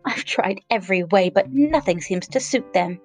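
A woman's voice: animated, normal speed, faint music behind, close to an everyday voice. A woman voicing a fretful female pigeon who shrieks and scolds about serpents and her eggs. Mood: aggrieved. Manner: shrill, sobbing, contemptuous.

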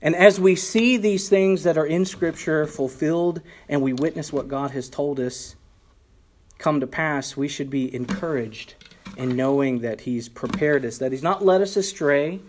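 Earnest yet conversational, this pastor delivers his sermon with emphatic lifts in pitch on scripture quotations, turning aside now and then to speak to the congregation. His voice is slightly high and a little mellow.

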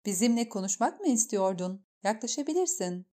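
A woman's voice: medium pitch, big pitch swings, a little fast, mellow, lightly acted. A woman voicing a commanding, impatient young queen in an audiobook reading.

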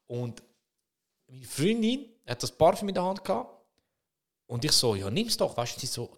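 A man in his thirties with a Swiss German accent, co-hosting a podcast and telling a story in casual comedic chat, growing loud as he acts out an argument. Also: a little high, normal speed. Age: 30s. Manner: animated, swings loud when reenacting arguments. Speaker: podcast co-host.

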